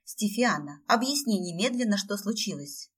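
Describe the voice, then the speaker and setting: Young royal sister, commanding, read by a woman narrator; breathy tone, slightly distant mic. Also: medium pitch, expressive, normal speed, a bit bright. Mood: warm.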